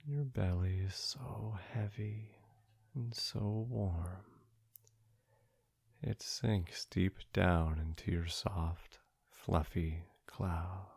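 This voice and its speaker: A deep-voiced man guides a sleep meditation for a podcast, soothing, gentle and hushed. His breathy delivery often trails into a near-whisper, with long pauses between short phrases.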